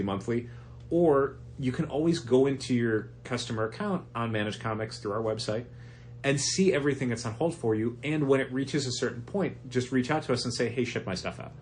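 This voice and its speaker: A man's voice: mid-range voice, slight background noise. A man co-hosting a comic shop podcast, explaining at length with restarts, his voice stuffy from allergies. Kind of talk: casual chat.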